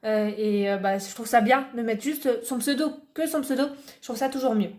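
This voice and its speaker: A woman's voice: a little high, steady tone, moderate pace, darkish tone. A woman from France chatting casually in a hobby vlog, showing items and talking with lots of fillers and restarts. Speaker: hobby vlogger. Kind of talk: casual vlog with show-and-tell.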